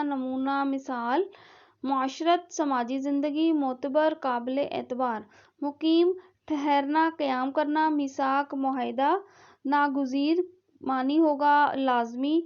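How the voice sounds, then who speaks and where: A woman's voice: high voice, darkish tone. A woman from Pakistan teaching an online Urdu class, reading vocabulary word by word with careful pronunciation. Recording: dull lo-fi recording.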